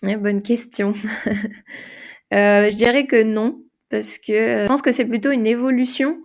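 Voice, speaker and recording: A woman's voice: a little high, steady tone, measured pace. A woman who designs games for workshops, answering interview questions in French, thinking aloud with frequent fillers and restarts. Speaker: game designer and facilitator.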